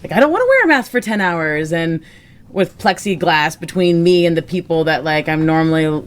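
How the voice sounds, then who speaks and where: A woman's voice: fairly low pitch, expressive, normal speed. A young woman co-hosting a casual podcast chat, rambling with lots of fillers and frequent laughs. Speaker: podcast co-host.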